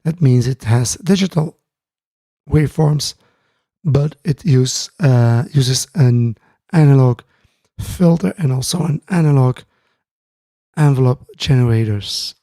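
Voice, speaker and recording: With no room sound in the recording, a live-stream host speaks from his home music studio in a mid-range, gravelly, mellow voice. A native Dutch speaker, he chats casually and haltingly, full of fillers and restarts, and says hi to people watching in the chat.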